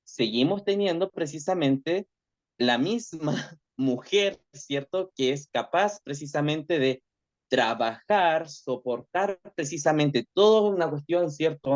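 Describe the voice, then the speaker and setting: A man with a fairly high voice teaches an online class over a muffled, lo-fi call line. He talks in a reflective way and keeps tossing in little checking questions to his students. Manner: reflective, sprinkles constant tag questions. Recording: dull lo-fi audio.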